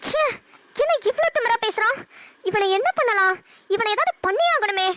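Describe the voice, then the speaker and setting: This is a loyal young best friend in a cartoon, brisk and firm. She speaks with a Namakkal Tamil accent in a very high voice. The recording is dry and close. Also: expressive, a bit bright, no echo. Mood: urgent. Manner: quick, firm, encouraging.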